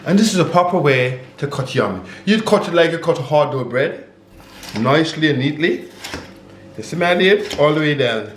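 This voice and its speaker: A man with a Jamaican accent hosting a relaxed cooking video, talking the viewer through each step and slipping into patois phrases. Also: on the high side, moderate pace, a little hiss or hum. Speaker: home cook and vlog host. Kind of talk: casual cooking demonstration. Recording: echoey kitchen with background music.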